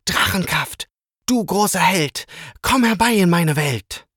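A man voicing a brave, eager little boy who plays a knight, calling out in a high, excited voice. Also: takes it slowly, slightly rough, no room sound, clean studio sound, exaggerated voice. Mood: solemn chant.

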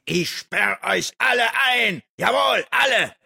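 A man's voice: sits high, lively intonation, takes it slowly, vocal fry, bright, forceful tone, slightly rough, voice pushed up, heavily acted. A man voicing a furious male army sergeant locked in a room, bellowing curses through the door. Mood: raging.

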